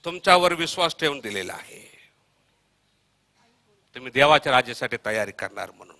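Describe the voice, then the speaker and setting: A man with a Marathi accent preaching a Bible study sermon, echoing verses after a reader and swinging between soft murmurs and loud shouted calls. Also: mid-range voice, expressive, fairly quick. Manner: repeats verses line by line after the reader, prompting with "हा". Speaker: pastor.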